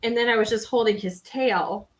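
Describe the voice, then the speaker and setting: A woman's voice: fairly high pitch, normal speed, rough recording. Rambling, giggly woman co-host. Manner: rambling, giggly, self-deprecating. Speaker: podcast co-host. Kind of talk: casual live-stream chat.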